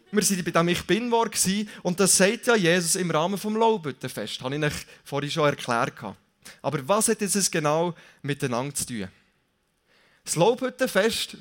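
Young man, Swiss German accent, casual lively sermon, jokes and self-corrections, slightly high voice. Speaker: preacher.

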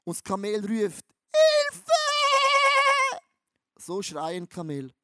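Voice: medium pitch, a little slow, darkish tone, no echo, studio quality. A preacher giving a sermon, talking emphatically with lots of slang and repeating phrases for effect. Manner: emphatic and repetitive, with slang-laden storytelling.

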